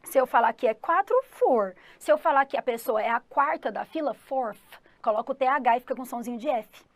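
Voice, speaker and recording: In a brisk exam-prep English class, a Brazilian woman whose voice sits fairly high keeps an upbeat tone and frequently checks in with those listening. Her accent is Brazilian Portuguese, and she refers to herself in the third person as "the teacher." There's no room echo; the sound is dry and near.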